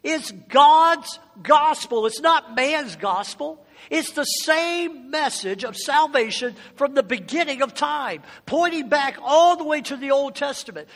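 A male preacher delivers a sermon in a strikingly high-pitched voice. He is passionate and emphatic, urging his listeners on with repeated phrases and rhetorical questions. The sound rings with the long reverb of a large hall. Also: a bit bright. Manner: exhorting, with rhetorical questions and repetition. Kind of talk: sermon to a congregation.

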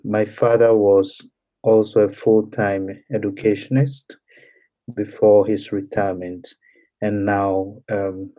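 A young man with a Ghanaian accent, a guest in a podcast interview, speaking in a measured way with frequent pauses and fillers. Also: fairly low pitch, mellow. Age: young adult.

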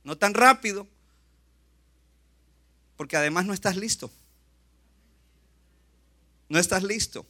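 A male pastor preaching a lively sermon, often acting out short asides and quotes. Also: sits high. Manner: animated preaching, acts out quick asides.

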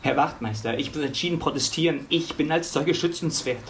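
A woman's voice: low-pitched, fairly quick, slight background noise, close to an everyday voice. A woman voicing a nervous, fussy young male witness in a radio play, indignant and anxious. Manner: indignant, jittery, whispers in fear.

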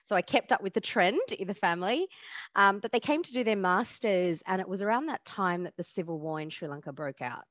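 A woman's voice: medium pitch, expressive, brisk, a bit bright, no room sound, dull audio. A woman in her thirties, an immigration lawyer telling her story in a podcast interview, reflective and laughing easily with many fillers. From Australia.

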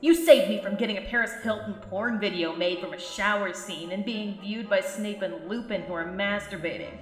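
A woman's voice: medium pitch, moderate pace, natural voice. A woman voicing a foul-mouthed, angsty goth teenage witch girl who swears and bursts out melodramatically. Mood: snarling. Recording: roomy echo, faint music.

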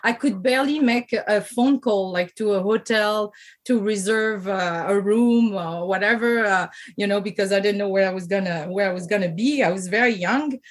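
A woman's voice: medium pitch, normal speed. A woman from France, speaking English with a French accent as her second language. She is a guest on a podcast and recounts her past as a dancer. Her telling is hesitant, with many ums and restarts. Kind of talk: podcast interview storytelling.

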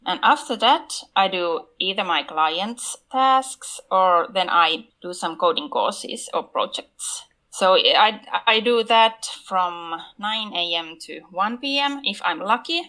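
A Finnish woman, a non-native English speaker with a Finnish accent, chats carefully as a panelist in a casual podcast. Her medium-pitched voice has lively intonation and a sharp tone, and she speaks slowly with few pauses on a rough recording.

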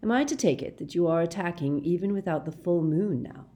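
A woman voicing a very old, wise male headmaster who speaks calmly and quietly. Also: lowish voice, a little fast, lightly acted. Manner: calm, quiet, gently dry.

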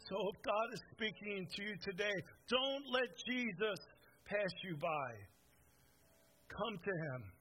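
A man's voice: high voice, lively intonation, a little slow, sharp tone, slight background noise, poor audio. A man preaching as a pastor, giving an earnest, pleading altar call in a church service that builds into impassioned calls. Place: church service, also streamed online.

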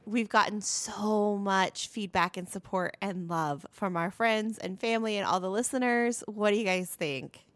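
A woman's voice: medium pitch, normal speed, few pauses, a bit bright, dry recording. A woman chatting casually as a co-host of a podcast. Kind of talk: casual chat.

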